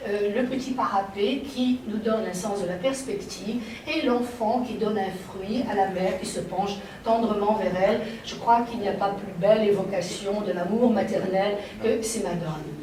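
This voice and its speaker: A woman's voice: medium pitch, moderate pace, hardly any pauses, darkish tone, recorded from a distance, slight background noise. Art historian woman in a very echoey room. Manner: digressive, searching for words. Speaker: guest lecturer, art historian. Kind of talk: slide-show art lecture. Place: lecture room.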